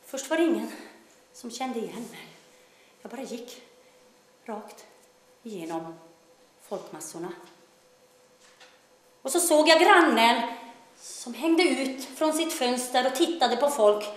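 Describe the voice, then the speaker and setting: Actress as a wry, troubled self-proclaimed daughter of God, high voice, very echoey stage room. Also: female voice, expressive, pauses often, lightly acted. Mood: storytelling. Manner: wry, shifting between bursts of loud speech and hushed telling. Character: troubled woman claiming to be God's daughter. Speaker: stage actor in a monologue. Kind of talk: theatrical monologue.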